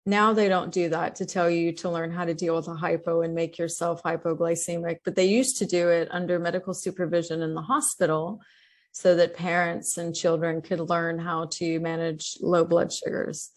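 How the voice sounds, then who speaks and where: A woman hosting a podcast, talking in a conversational way and asking open questions. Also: on the low side. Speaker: podcast host. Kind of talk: conversational interview.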